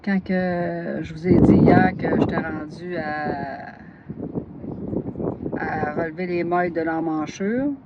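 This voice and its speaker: Her voice sits low with a steady tone and slow pace, and the audio is dull with heavy background noise. Hailing from northern Gaspésie, Quebec, she speaks Québécois French as a knitting vlogger in casual chat, laughing frequently and skipping between topics in her tiredness.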